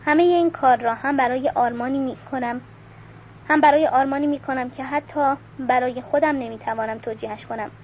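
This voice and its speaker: A woman's voice: high-pitched, darkish tone. A melancholy aristocratic army captain speaks with weary refinement, as a woman reading the novel voices him. The recording is dull, with faint hiss.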